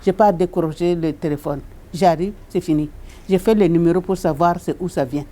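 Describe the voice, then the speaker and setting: Mellow-voiced nun telling her testimony. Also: normal speed. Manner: repetitive, retells with quoted dialogue and sudden high leaps. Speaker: religious sister, hospital chaplaincy. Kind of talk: personal faith testimony.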